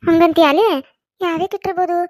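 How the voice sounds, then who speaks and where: A woman voicing an easily startled, quick-tempered village woman with a North Karnataka Kannada accent, in a cartoon. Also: extremely high pitch, little pitch movement, darkish tone, dry recording, clean studio sound.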